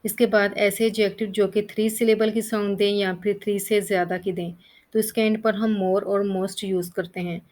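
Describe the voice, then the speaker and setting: A woman's voice: medium pitch, flat delivery, normal speed, darkish tone. A woman teaching English grammar, explaining rules step by step, spelling out letters and reading lists of word forms. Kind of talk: Hindi-language grammar lesson.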